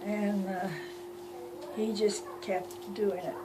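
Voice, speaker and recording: Elderly woman, elder telling story, slow delivery, halting, repeats phrases, informal reminiscence, very noisy home recording. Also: mid-range voice, level tone. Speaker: grandmother telling life stories. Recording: loud background noise, amateur home recording.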